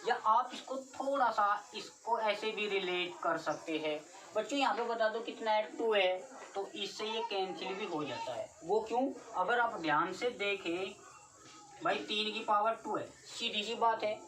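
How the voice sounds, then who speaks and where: Speaking a little slowly with lively intonation, a woman of medium pitch and fairly bright tone teaches ninth-grade math. She keeps asking her students questions in a repetitive way, and the distant mic catches faint noise.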